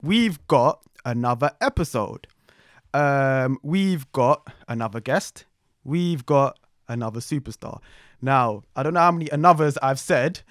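A young man with a London roadman accent hosting a talk show in animated slangy chat, repeating phrases for emphasis. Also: medium pitch, unhurried, no room sound, clean studio sound. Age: young adult.

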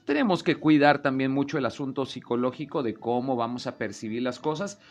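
A man's voice: mid-range voice, a little fast. A man hosting a talk show. He chats casually and acts out the voices he quotes. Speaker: host.

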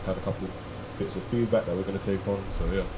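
A man's voice: sits low, steady tone, quick pace. A young man with a south London accent talking casually about his brand in a group interview. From Croydon, south London, England. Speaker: streetwear brand member being interviewed. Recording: clearly noisy background ambience.

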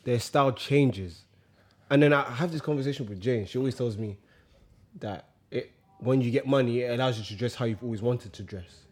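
A man's voice: mid-range voice, brisk, breathy edge. A young man with a London accent, talking casually in roadman slang. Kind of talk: casual chat.

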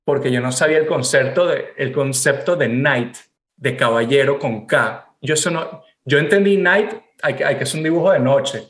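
A man's voice: mid-range voice, moderate pace. Venezuelan guy telling a funny school story, swears a lot, kinda roomy sound. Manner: animated storyteller, swears casually. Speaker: podcast co-host. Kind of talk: casual chat.

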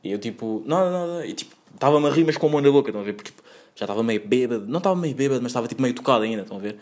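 A young man with a European Portuguese accent rattles off a casual storytime at a quick clip. His voice sits at an ordinary middle pitch. He rambles, piles on slang and keeps correcting himself mid-sentence. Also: expressive, a little mellow. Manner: rambling, slang-heavy, many self-corrections and fillers. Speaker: vlogger.

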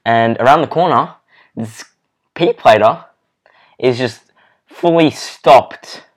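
A young man, co-hosting a casual podcast and chiming in with short, quick remarks. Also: mid-range voice. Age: young adult. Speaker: podcast co-host. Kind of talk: casual chat.

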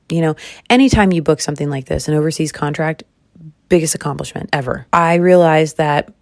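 A woman's voice: no room sound, clean studio sound. A woman in her mid-thirties hosting a podcast, talking through a personal decision in a candid, sassy monologue with dramatic jumps in her voice. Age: 30s. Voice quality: expressive, dramatic pitch jumps. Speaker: podcast host.

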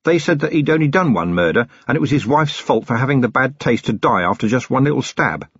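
A man's voice: medium pitch, animated, fairly quick, breathy edge, no room sound, lo-fi sound, voice pushed up. A man playing a weary, sarcastic policeman in bed talking with his wife, in an audiobook. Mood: wry. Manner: dry, sarcastic. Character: weary, sardonic policeman husband.

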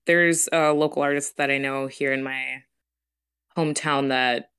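Smooth-voiced speaker in casual chat. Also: medium pitch, steady tone, unhurried, fairly bright tone. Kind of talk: casual conversation.

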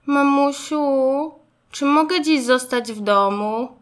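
A woman voicing a scared, stubborn little boy car in a children's storybook, with a high, whiny, pleading voice. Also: takes it slowly. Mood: reluctant. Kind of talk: storybook reading.

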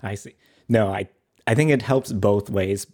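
A man with a gravelly voice worn from talking, chatting casually as a podcast co-host and halting as he thinks aloud. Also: on the low side, a little mellow. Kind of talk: casual chat.

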